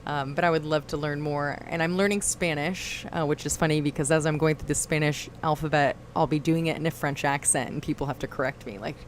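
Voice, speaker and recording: Woman, livestream host, relaxed chat, lowish voice, reads comments aloud. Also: a little fast, few pauses, slight background noise.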